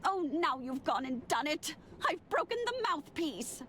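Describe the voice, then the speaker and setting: A woman's voice: sits high, big pitch swings, a little slow, fairly bright tone, slight background noise, full character voice. A woman voicing a bossy, scheming aristocratic mother in a comedic game, haughty and scolding. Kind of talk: comedic adventure game acting.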